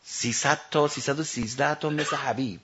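A man preaching a storytelling sermon, swinging from hushed narration to loud declaiming, with slow drawn-out recitations. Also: mid-range voice, dull audio, noisy background.

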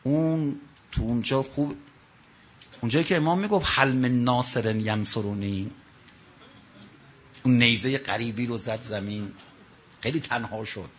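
A man preaching a religious sermon from the pulpit, telling stories and swinging between loud calls and low asides. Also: long pauses, muffled recording, slight background noise.

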